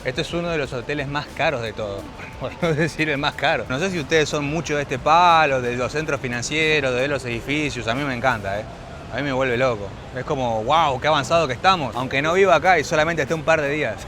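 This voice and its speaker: A man's voice: medium pitch, a little fast. A young Argentine man vlogging as he walks, talking directly to his viewers like friends in an Argentine Spanish accent. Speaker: travel vlogger. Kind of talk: casual walking travel vlog. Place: outdoors on busy city streets. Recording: outdoor street noise and traffic.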